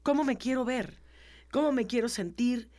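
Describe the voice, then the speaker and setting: Una mujer de mediana edad con acento mexicano cuenta su historia con intensidad y voz algo aguda. Imita con viveza los diálogos de otras personas. La grabación es seca y cercana, sin eco. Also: female voice, a little high, normal speed, no room sound. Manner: earnest, animated, acts out quoted dialogue. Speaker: podcast co-host, interviewee. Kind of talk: emotional personal storytelling.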